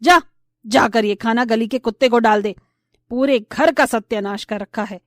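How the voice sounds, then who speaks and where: A woman's voice: on the high side, takes it slowly, a little mellow, no room sound, studio quality. A woman voicing a harsh, nagging older mother-in-law in a cartoon story, scolding in a theatrical way.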